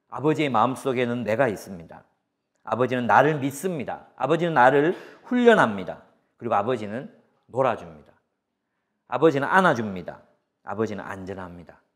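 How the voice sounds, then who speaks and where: Lively-pitched man preaching a sermon. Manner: emphatic, repetitive preaching cadence with personal anecdotes. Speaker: pastor.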